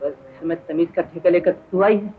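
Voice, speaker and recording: An actor playing a spoiled, hot-tempered young drunkard who shouts demands and turns sarcastic, in 1950s film style. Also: male voice, on the high side, moderate pace, faint music behind, natural voice. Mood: angry, demanding. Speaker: drunken younger brother-in-law. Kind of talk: 1950s Hindi film acting. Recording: tinny old film soundtrack, faint hiss.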